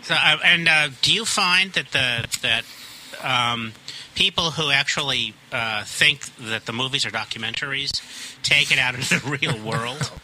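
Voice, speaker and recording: Bright-voiced man rambling on radio. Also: medium pitch, measured pace, a little hiss or hum, low-quality recording. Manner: rambling, fillers and restarts. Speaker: radio co-host. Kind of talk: casual talk show question.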